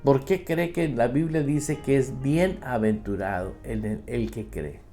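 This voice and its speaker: A man's voice: mid-range voice, a little slow, dark tone, soft background music. A man preaching a radio sermon as pastor, emphatic, often speaking straight to his listeners as brother. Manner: emphatic preaching, acts out believers' complaints; addresses listeners directly as brother.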